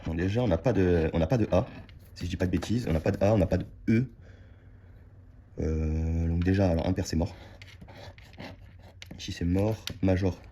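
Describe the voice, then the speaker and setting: A man with a low, mellow voice talks his viewers through a scratch-card session in casual running commentary. He chats to them like friends and repeats each word as he checks it. A faint hiss of background noise sits under the close mic. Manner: chatty, addresses viewers as friends, repeats words while checking.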